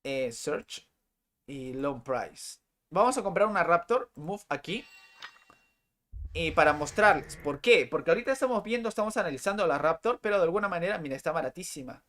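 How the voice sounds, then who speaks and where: A man's voice: a little high, animated, normal speed, a bit bright, soft background music. A young man, chatting and exclaiming over live game footage, often repeating himself. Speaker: game streamer. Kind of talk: live gameplay commentary.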